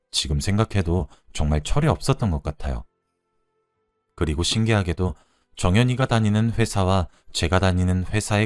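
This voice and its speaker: A man in his thirties telling a personal love story in the first person, calm and reflective. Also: low-pitched, no room sound, clean studio sound. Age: 30s. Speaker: narrator. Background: faint background music.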